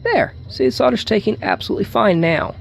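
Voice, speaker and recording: A man giving a casual hands-on tutorial, thinking aloud in a halting way as he works, with wry humour. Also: sits high, expressive, gravelly, soft background music. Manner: thinks aloud while working, halting, wryly joking. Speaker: hobbyist demonstrating an electronics hack.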